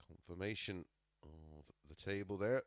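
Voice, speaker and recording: A man's voice: deep voice, measured pace, no room sound. A man giving live sports commentary on a darts match.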